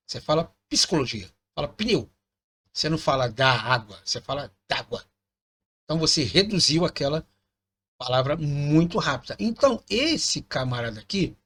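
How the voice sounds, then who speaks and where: A man with a fairly high, somewhat bright voice teaches biblical Hebrew, patiently explaining vowel points while pointing at the text. He repeats words and checks in with the listener.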